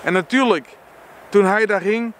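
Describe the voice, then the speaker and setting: Dutch male reader, higher voice, earnest, faint traffic behind. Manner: slow earnest reading, stumbles and self-corrects. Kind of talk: reading a book passage aloud with personal reflection.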